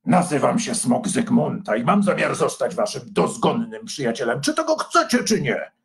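A man's voice: medium pitch, big pitch swings, normal speed, creaky. A man voicing a grand, eccentric male dragon in a children's storybook, declaiming in a self-important way. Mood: pompous. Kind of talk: storybook character voice.

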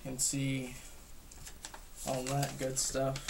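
A man's voice: medium pitch, monotone, slow. A young man giving a casual, unscripted gear review at home, hesitant and matter-of-fact, picked up by a camera across a table. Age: young adult. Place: room at home, indoors. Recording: clearly noisy home recording with clicks.

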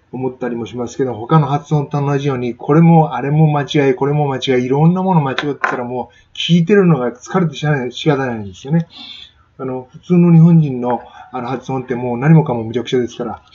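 A man's voice: medium pitch, dark tone, dull audio. A man giving a casual spoken lesson on pronunciation, chatting and demonstrating sounds with exaggerated repetition. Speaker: English pronunciation teacher.

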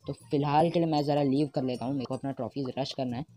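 A man giving live gameplay commentary from home, excitable and quick to repeat words over and over when he panics. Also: mid-range voice. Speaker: mobile game player. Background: game music.

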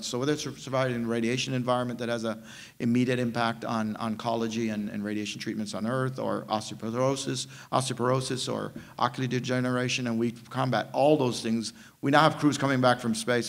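A man in his fifties, from Jamaica, speaking on a conference panel into a table mic, animated and prone to restarting his sentences. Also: mid-range voice, vocal fry. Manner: animated storytelling with frequent restarts. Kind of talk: panel discussion. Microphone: table mic on stand.

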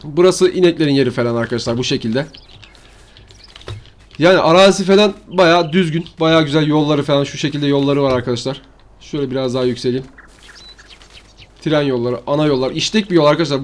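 A man giving rambling, slangy commentary while showing a farming game map to his viewers. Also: on the high side. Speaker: gaming channel host. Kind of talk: casual gameplay commentary.

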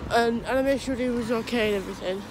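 Walking her dogs down a street, a young woman vlogs through a cold, her throat sore and clogged and her nose running. She talks fast in a high voice, rambling and hesitant with many restarts and fillers. A phone held low at arm's length records her outdoors, with traffic audible.

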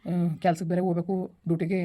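A woman playing a family member who keeps calming everyone before leaving for duty, soothing and insistent, in a village family skit. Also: on the low side, rapid-fire, lightly acted. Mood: weary.

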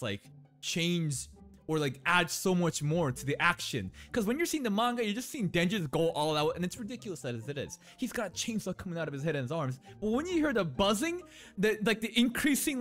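A young man hosting an anime reaction video, talking casually with slang and swinging between loud outbursts and low muttered asides into a studio mic. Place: small bright indoor room. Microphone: large studio mic on a boom arm.

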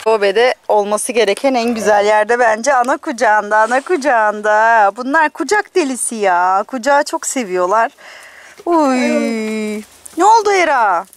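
A woman's voice: fairly high pitch, normal speed, few pauses. A young woman vlogging outdoors in her garden, chatting casually to the camera and cooing sweetly to her pets. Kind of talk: casual outdoor vlog narration. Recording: clear outdoor background noise.

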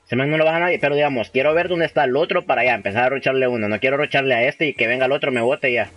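A man's voice: medium pitch, very fast, no echo, highs cut off. A young man from Honduras streaming a game live, chatting with viewers and tossing in English phrases. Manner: chatty, reads chat aloud, slangy, mixes in English phrases. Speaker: livestreaming gamer. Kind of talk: casual live gameplay commentary.

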